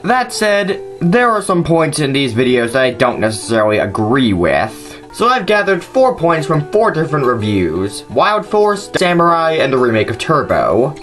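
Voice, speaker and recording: A man's voice: a little high, big pitch swings, moderate pace, few pauses, fairly bright tone, soft background music. A man hosting a scripted video commentary, arguing his points in an informal way. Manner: argumentative, informal. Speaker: host of a nitpicking response video.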